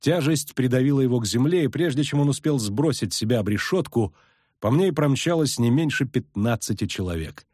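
Husky male audiobook narrator. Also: mid-range voice, fairly quick, no echo. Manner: steady storytelling. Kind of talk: scripted narration. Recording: dry close studio with faint music.

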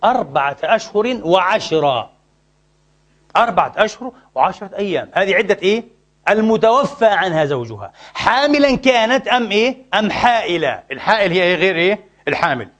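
Male religious law teacher, high voice, quick delivery, quizzes the room. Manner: animated, asks the audience to finish his sentences. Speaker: Islamic jurisprudence teacher. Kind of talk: lecture with call-and-response questions.

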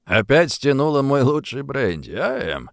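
A man voicing a gruff but good-natured older colonel who grumbles and blusters, in an audiobook reading. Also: medium pitch, big pitch swings, normal speed, dry recording, studio quality, voice pushed up. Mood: grumbling.

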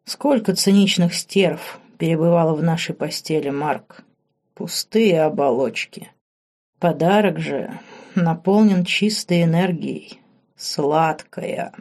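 A woman's voice: deep voice, takes it slowly, darkish tone, full character voice. Woman voicing a cynical lustful inner demon. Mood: insinuating.

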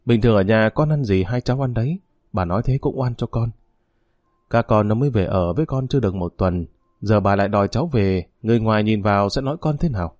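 Man voicing a pleading middle-aged father, warm dark tone. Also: on the low side, fast talker, no echo, studio quality, close to an everyday voice. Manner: apologetic, pleading.

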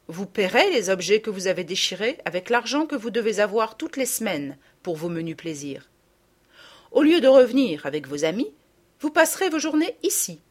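A woman reading a storybook as a strict lady guardian who speaks calmly, measured and severe. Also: fairly high pitch, pitched above the performer's own voice. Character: calm stern older lady guardian, strict. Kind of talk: audiobook reading.

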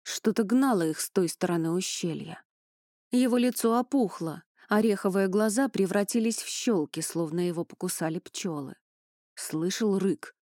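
A woman narrates a first-person fantasy story with expressive, dramatic delivery. Her voice is warm and mellow in tone. The recording is close and dry, with no room sound. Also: medium pitch, moderate pace, no room sound. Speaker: audiobook narrator.

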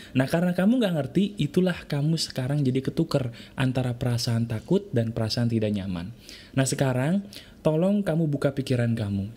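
A man's voice: fairly high pitch, warm tone. A man giving a motivational monologue, lecturing the listener, repeating his points and asking rhetorical questions, mixing formal speech with casual slang. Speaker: motivational speaker.

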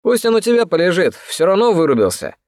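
A man's voice: sits high, very animated, fast, a little mellow, dry recording, studio quality, pitched above the performer's own voice. A man voicing a wry, cocky young man with a mocking, teasing manner. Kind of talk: audiobook character voice.

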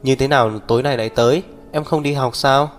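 A man voicing a sickly, reserved young man who speaks quietly. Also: mid-range voice, fairly even intonation, brisk, natural voice. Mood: calm. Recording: long reverb, faint background music.

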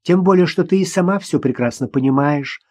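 A gentle young mother who talks to her daughter in a soft, patient tone, as a man reads her aloud. Her voice sits a touch high and stays calm and reassuring. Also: a little fast, dry recording, studio quality, lightly acted. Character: young woman teacher, gentle worried mother.

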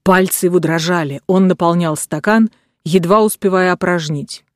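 A woman reading a novel aloud in an even, measured way. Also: lowish voice, no room sound, studio quality. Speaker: audiobook reader. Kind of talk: scripted narration of a novel.

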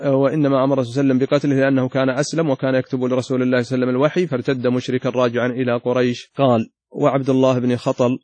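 Fast-reading male scholar, dry close sound. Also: mid-range voice, flat delivery, darkish tone, dry recording. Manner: reads passages, then restates them in his own words with added emphasis. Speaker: Islamic scholar teaching a lesson. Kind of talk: reading a classical text aloud and explaining it.

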